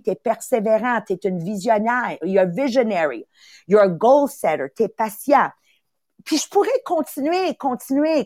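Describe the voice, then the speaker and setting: A woman's voice: fairly high pitch, a little mellow, no echo. Lady coaching, upbeat, repeats stuff, mixes in english, dry sound. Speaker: podcast host and coach. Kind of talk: motivational live talk.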